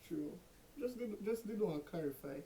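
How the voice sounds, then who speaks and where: A man's voice: sits high, animated, moderate pace, dark tone. A young man with a Jamaican accent, talking casually on a phone call and pleading and coaxing in turns. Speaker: prank vlogger. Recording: roomy echo.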